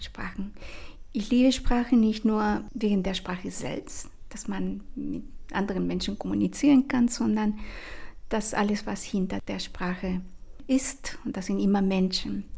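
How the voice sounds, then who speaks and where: A woman's voice: mid-range voice, vocal fry, a little mellow, husky. A woman, a language teacher hosting her own podcast and telling stories in an enthusiastic, chatty way with many fillers. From Chile. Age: 50s. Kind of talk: casual podcast monologue.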